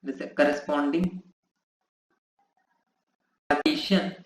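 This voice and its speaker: A man's voice: a little high, lively intonation, slow, slight background noise. A man lecturing in mathematics, dictating in short, repeated phrases as he writes. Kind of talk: maths lecture dictated while handwriting. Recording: echoey room.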